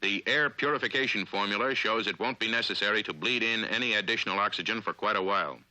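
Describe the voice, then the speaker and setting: With deliberate, authoritative phrasing, a man with an American accent delivers narration styled after a 1950s training film. His voice sits lowish and comes across very bright and forceful, heard on a dry period soundtrack with no echo and low recording quality.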